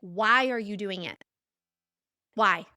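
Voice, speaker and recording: A woman's voice: medium pitch, takes it slowly, sharp tone, clear, resonant tone, no room sound. A young adult woman speaking as a podcast guest and coach, emphatic and repeating key phrases for effect. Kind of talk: conversational podcast interview.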